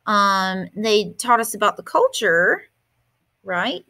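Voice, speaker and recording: A woman teacher reads a picture book aloud to her class, pausing to explain vocabulary and ask questions, with some fillers. Her voice is medium in pitch, sing-song and slow, with a sharp tone.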